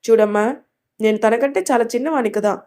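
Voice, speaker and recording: A woman's voice: on the high side, steady tone, fast, darkish tone, close to an everyday voice. Brief: sulky kid brother in a storybook voiced by a woman, whiny. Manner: whiny and complaining. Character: sulky young boy, easily riled.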